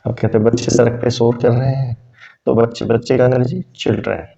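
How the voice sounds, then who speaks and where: A man teaches grammar patiently, walking through one example after another and answering his own questions. His voice is dark and mellow. The recording is dull and lo-fi. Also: medium pitch, little pitch movement, fairly quick, gravelly. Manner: patient, explains step by step with examples; asks questions and answers them himself. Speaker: English teacher. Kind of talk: spoken English lesson explained in Hindi.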